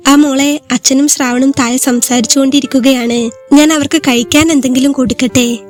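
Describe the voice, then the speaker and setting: A woman's voice: high voice, steady tone, moderate pace, soft background music, natural voice. A woman reading the lines of a practical middle-aged mother in a story, talking in a chatty, motherly way.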